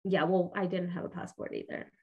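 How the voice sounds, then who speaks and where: A woman's voice: fairly low pitch, flat delivery, fairly quick, slightly rough, highs cut off. A young woman with a Mexican accent, co-hosting a casual podcast chat, talking in an earnest, reflective way with lots of fillers. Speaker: podcast co-host.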